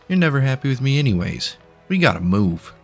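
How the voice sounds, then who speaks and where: A man voicing a sly, quick-witted male card-throwing thief who needles and schemes theatrically. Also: fairly low pitch, very animated, gravelly, soft background music. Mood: urgent.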